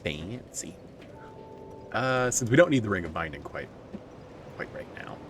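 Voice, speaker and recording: Low-voiced guy rambling through a game stream, jokey, cusses at stuff, faint hiss behind. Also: big pitch swings, a little slow. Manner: joking, talks to himself, swears at enemies. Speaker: streamer playing a video game. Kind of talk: casual gameplay commentary.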